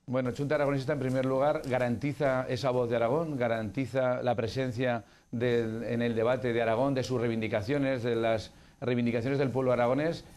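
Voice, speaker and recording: A man's voice: medium pitch, steady tone, a little fast, darkish tone. Man arguing in a formal interview. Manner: formal, argumentative, with frequent "eh" fillers. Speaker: political candidate. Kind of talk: interview answers.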